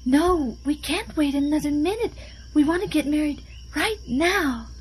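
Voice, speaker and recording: A woman's voice: high-pitched, animated, a little slow, a little hiss or hum, poor audio. A woman playing an impulsive young bride who also narrates the story, in radio drama style. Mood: eager. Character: young woman Nina Virginia, eager, headstrong bride.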